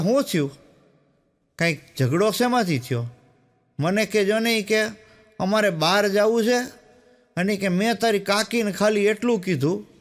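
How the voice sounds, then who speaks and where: Guy with a high voice and a saurashtra gujarati accent telling joke stories, does all the back-and-forth dialogue himself. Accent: Gujarati, Saurashtra dialect. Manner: storytelling, quoting characters in dialogue. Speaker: stand-up comedian.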